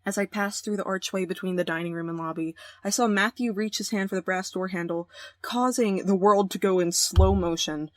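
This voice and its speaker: A woman's voice: medium pitch, fairly even intonation, brisk, no echo. A young woman playing a romance game, reading the story aloud and joking in slang. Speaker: let's play host. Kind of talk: game let's play, narration with commentary.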